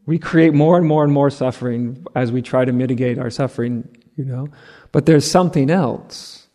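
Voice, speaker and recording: A man teaching on a spiritual theme in a relaxed, conversational way. He drops in "right?" asides and light laughs at a mid pitch. His voice carries a long reverb, as in a hall. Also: moderate pace. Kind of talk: spiritual talk.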